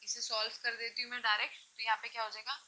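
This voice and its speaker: A woman's voice: a little high, flat delivery, fast, bright, forceful tone, poor audio. A woman teaching a chemistry lesson, explaining step by step and often asking questions, then answering them herself. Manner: checks in often with short confirmations. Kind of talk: classroom lecture mixing Hindi and English.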